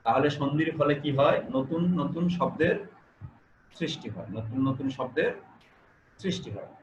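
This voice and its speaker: A man's voice: a little high, normal speed, reverberant, dull audio, slight background noise. A male teacher giving an online class, explaining step by step, repeating key phrases and putting questions to his students. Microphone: video call.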